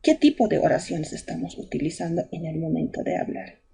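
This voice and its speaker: A woman's voice: low voice, lively intonation, fairly quick, gravelly, mellow, slightly rough. A woman teaching a grammar lesson to young children, explaining step by step and checking in with "¿ya?" and "¿no?" after each point. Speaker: primary school teacher.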